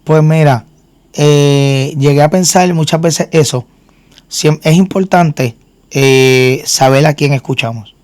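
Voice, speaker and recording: A man's voice: a little high, takes it slowly, darkish tone, no room sound. Earnest man giving a faith testimony. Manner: earnest, repeats words and restarts often. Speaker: guest minister and singer.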